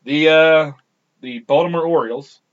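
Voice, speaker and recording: A man's voice: fairly high pitch, moderate pace. A man co-hosting a podcast with casual, bantering talk, on a lo-fi recording. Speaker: podcast co-host. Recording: dull, tinny lo-fi podcast recording.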